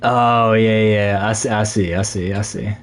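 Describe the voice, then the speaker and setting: A man with a fairly low, scratchy, slightly hoarse voice live-streams a Minecraft session, chatting casually as he plays at a measured pace with fairly even intonation. Hoarse from talking a lot, he rambles, corrects himself, and relies on fillers.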